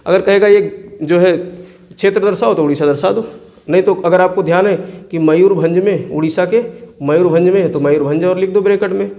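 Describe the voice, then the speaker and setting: A man's voice: sits high, moderate pace, warm tone. A male tutor from walks students through exam map work. He keeps asking questions and answering them himself, repeating every place name so it sticks. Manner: repeats key place names for drilling. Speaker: teacher.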